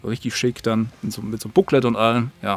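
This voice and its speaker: An audio drama maker chats casually as an interview guest, talking fast in a medium-pitched voice with little pitch movement. His talk is informal, slangy and a bit rambling, with soft music playing in the background.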